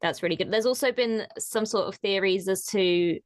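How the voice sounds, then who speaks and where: A woman co-hosting a casual fan chat show, chatty and quick to laugh, with hedging fillers. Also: mid-range voice, dry recording. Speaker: podcast co-host.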